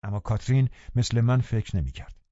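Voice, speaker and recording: Man reading an audiobook in a dark voice. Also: medium pitch, dry recording, lo-fi sound. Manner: calm, even storytelling. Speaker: audiobook narrator. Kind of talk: scripted novel narration.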